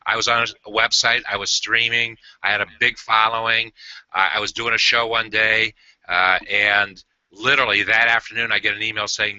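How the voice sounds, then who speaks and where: A man hosting a casual video call interview, halting with many "uh" fillers and restarts. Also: on the low side, bright, forceful tone, dry recording, dull audio. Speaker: host.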